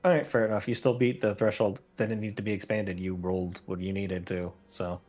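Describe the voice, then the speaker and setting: A man with a low, husky voice narrates a tabletop game as game master, calm and unhurried, often pausing to think. The recording sounds muffled and lo-fi. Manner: relaxed, thinking aloud with fillers.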